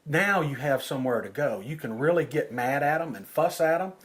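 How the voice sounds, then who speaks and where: A man's voice: fairly high pitch, animated, a little fast, fairly bright tone, slight background noise. A man working as an instructor, explaining technique informally, step by step and with examples. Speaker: duck-calling instructor.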